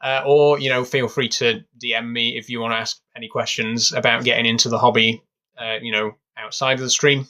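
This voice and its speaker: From his bedroom at home, a young Englishman rambles through a casual live stream, loose and relaxed with many filler words. His medium-pitched voice moves fairly quickly.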